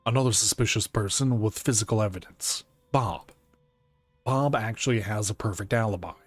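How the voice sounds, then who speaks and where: Man reading as a measured, serious police detective. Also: on the low side, no room sound, faint music behind, natural voice. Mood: puzzled. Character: calm, conscientious male police detective pondering a case. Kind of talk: reading game dialogue aloud.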